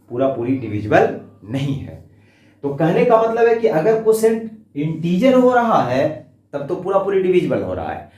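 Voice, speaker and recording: A man's voice: a little high, a little mellow. A man teaching a maths lesson in Hindi, explaining step by step, asking questions, answering for his students and calling them "my friend". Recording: echoey room, mic far off.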